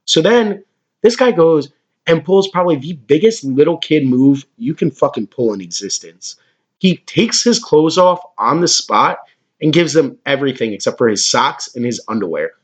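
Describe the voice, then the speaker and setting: A man ranting crudely and mockingly as a comedy podcast host, with a husky voice. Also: a little high, lively intonation, moderate pace. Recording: dull lo-fi recording.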